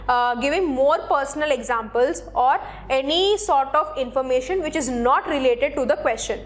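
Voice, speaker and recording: A woman with a fairly high, slightly bright voice gives instructional advice to job seekers on interview tips. Her delivery is didactic and semi-scripted, addressed straight to the listener.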